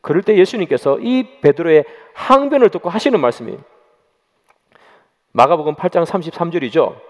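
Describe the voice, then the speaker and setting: A man's voice: on the high side, expressive, a little fast. A man preaching a sermon as pastor, dramatic and questioning the congregation, acting out quoted voices. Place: church sanctuary. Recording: long church reverb.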